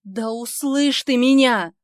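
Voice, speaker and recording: A woman voicing a cold, stubborn young man with flat, clipped lines in an audiobook. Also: fairly low pitch, moderate pace, no room sound, clean studio sound. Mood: shouting. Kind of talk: audiobook dialogue.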